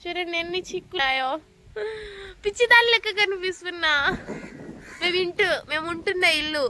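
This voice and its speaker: A woman's voice: very high voice, brisk, pushed and bright, slight background noise. A woman vlogger chatting casually at home in a playful, teasing, coaxing way. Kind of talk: casual home vlog chat.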